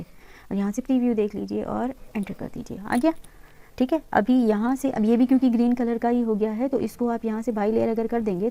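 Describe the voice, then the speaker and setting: A patient woman who teaches interior design walks viewers through each step of a screen-recorded software tutorial, mixing English terms into her speech. Her voice is mellow and on the high side, with vocal fry.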